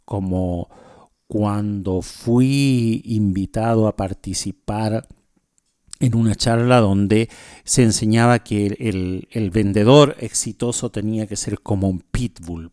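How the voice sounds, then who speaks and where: A man hosting a radio segment, talking in a measured, reflective way about leadership before introducing a song. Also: on the low side, a little mellow, no echo, studio quality. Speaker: radio host. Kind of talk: spoken talk on leadership, then a song introduction.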